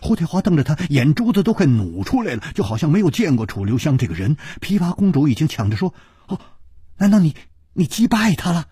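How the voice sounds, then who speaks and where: A male storyteller narrating with sweeping, animated pitch. His voice is husky and close, recorded dry. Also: quick pace, hardly any pauses, dry recording. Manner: vivid, highly animated. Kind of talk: traditional storytelling.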